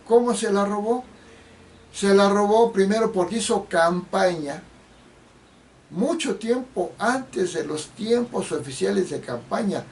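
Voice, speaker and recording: A man's voice: high-pitched, lively intonation, unhurried, creaky. A man giving an indignant, accusatory political monologue, often breaking off and restarting his sentences. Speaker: political commentator. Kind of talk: solo political rant. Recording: distant mic with faint background noise.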